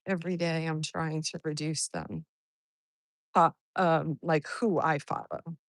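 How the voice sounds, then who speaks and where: A woman's voice: on the low side, no echo, low-quality recording. A woman chatting casually to livestream viewers while out walking for exercise, rambling and thinking aloud. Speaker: livestreamer greeting and answering viewers. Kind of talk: casual livestream chat to followers. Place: outdoors on a walk in hot weather.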